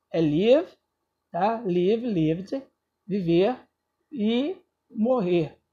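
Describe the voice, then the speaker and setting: A man's voice: high voice, warm tone, husky, dull audio. A man with a Brazilian Portuguese accent, teaching a recorded English grammar lesson and often checking in with his students. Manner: checks in with students often, spells out endings letter by letter.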